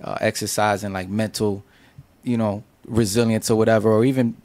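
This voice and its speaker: A man's voice: fairly low pitch, flat delivery, a little fast, a little mellow, no room sound. A man co-hosting a casual podcast, lecturing a guest with dating advice. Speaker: podcast co-host.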